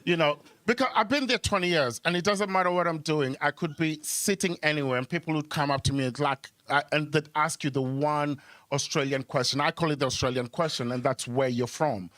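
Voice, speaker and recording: A Kenyan stand-up performs live at a club mic, his voice on the high side, a little fast and a bit bright, with no echo. His act is conversational storytelling mixed with crowd work, full of hesitations and repeated words.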